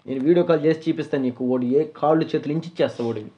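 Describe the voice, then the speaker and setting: A man's voice: on the high side, racing, dull audio. A man hosting, talking firmly like an older brother, scolding and consoling. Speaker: host. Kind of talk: casual chat.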